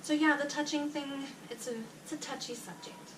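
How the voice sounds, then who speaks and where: A high-voiced, heavily pregnant vlogger with a South African Afrikaans accent rambles casually to her viewers, full of fillers and quick little laughs. She's far from the mic in a roomy space, and steady noise runs beneath her voice.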